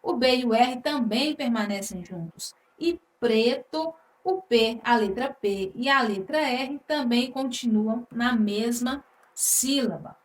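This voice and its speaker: A woman teaching an exam-prep grammar lesson, patient and drawn-out, checking in with "tá?" often. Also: on the high side. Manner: slow, patient, drawn-out words, frequent "tá?". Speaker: Portuguese teacher. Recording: echoey room, voice from a distance.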